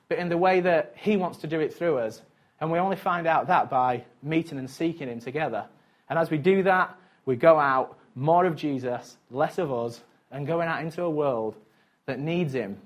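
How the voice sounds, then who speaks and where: A man preaching a sermon to his congregation, talking in a relaxed, conversational way. His voice sits a little higher than most men's, and he chuckles easily between his points. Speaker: pastor.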